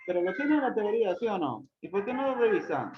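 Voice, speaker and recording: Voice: medium pitch, very animated, fast talker. A teacher giving a classroom grammar lesson, quizzing students by name with repeated questions and scolding them for not reviewing the book. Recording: echoey room, dull lo-fi sound, loud background noise.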